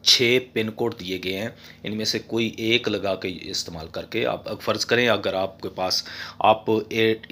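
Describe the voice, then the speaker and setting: A man's voice: fairly low pitch, pushed and bright. A man hosting a casual how-to tutorial for his TV repair channel, chatty and often ending lines with "okay". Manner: voice-over with no face on screen.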